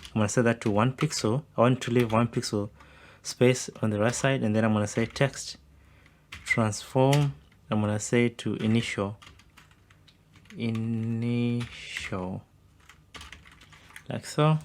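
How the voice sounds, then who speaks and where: Male coding tutor, mid pitch, talks through each step while typing, faint hiss and keyboard clicks under the voice. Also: steady tone, normal speed. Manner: talks while typing, thinks aloud with fillers. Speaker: coding instructor. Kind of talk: screen-recorded coding tutorial.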